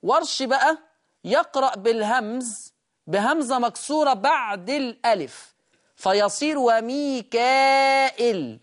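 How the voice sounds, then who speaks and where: An Egyptian-accented man teaches in a calm, explanatory way. He repeats each word slowly to show how it is read, then carries on at a plain conversational pace. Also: very high-pitched. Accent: Egyptian Arabic. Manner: patient, repeats words to demonstrate readings. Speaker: Quran teacher hosting a call-in lesson.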